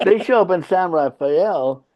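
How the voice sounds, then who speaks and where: A man with a high voice and lively intonation talks a little slowly, his tone a little mellow, on lo-fi audio. He's a Swedish-speaking Finn who leads a rock band, here as a podcast guest in casual interview chat. Blunt and profane, he tells stories emphatically and hammers home his points.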